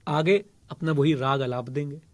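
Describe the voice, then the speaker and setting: A man with an Indian English accent teaching an exam revision lecture, firing questions at students and slowing down to dictate definitions. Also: a little high, steady tone, darkish tone. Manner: quizzes the class, slows sharply to dictate definitions.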